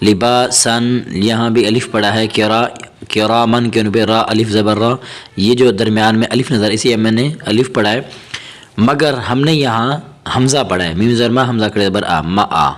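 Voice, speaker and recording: A man teaching Quran reading, slowly spelling out and chanting each syllable, then explaining the rules in quick bursts. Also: lowish voice. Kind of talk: spelling-out recitation lesson.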